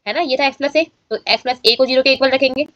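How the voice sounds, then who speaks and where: A woman's voice: high-pitched, quick pace, fairly bright tone, no echo, muffled recording. A woman teaching a maths lesson and explaining each step aloud, often checking in with her students.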